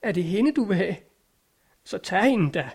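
A man's voice: sits high, big pitch swings, breathy edge, voice pushed up, exaggerated voice. Desperate fisherman figure, raised and strained, begging for his life, read by a male narrator. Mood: pleading. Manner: pleading, frightened.

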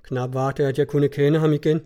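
A man reading a literary story aloud in a measured, even storytelling manner. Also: fairly high pitch. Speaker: audiobook reader. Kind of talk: scripted literary narration.

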